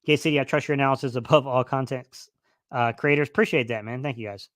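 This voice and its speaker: This sports livestream host has a mid-range voice, a steady tone and a quick pace, captured as clean studio sound without echo. Running a laid-back football stream, he reads out chat messages and rambles, full of fillers and restarts. His voice is getting a bit worn.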